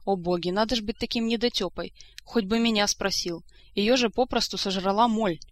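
A woman's voice: medium pitch, a little fast, close to an everyday voice. A woman reading the part of a hot-tempered young prince who scolds his careless cousin. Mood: scolding. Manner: exasperated, scolding.

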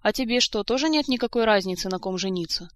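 Azil, a woman reading as a calm wise young woman. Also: mid-range voice, fairly quick, dry recording, lightly acted. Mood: reproachful. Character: young woman, gentle, wise lover of the heir.

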